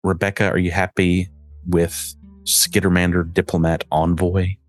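A man running a tabletop game as game master, relaxed and joking as he guides the players. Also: low voice, unhurried, soft background music. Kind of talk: casual tabletop game session.

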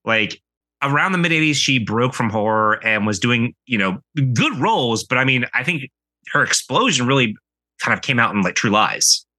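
A man chats casually as a tabletop player. He loops through "like" and "I mean" while his points wander. His voice is bright and swings freely in pitch. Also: sing-song, normal speed. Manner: rambling, hedging with "like" and "I mean". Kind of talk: casual chat.

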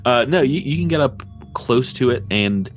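A man's voice: mid-range voice, animated, normal speed, soft background music. A man improvising tabletop game narration as game master, hesitant and thinking aloud.

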